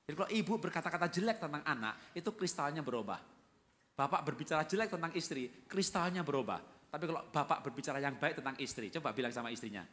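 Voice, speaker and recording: A man's voice: a little high, animated, fast, fairly bright tone. A male pastor preaching a sermon in a church, speaking in a folksy way and asking his listeners questions.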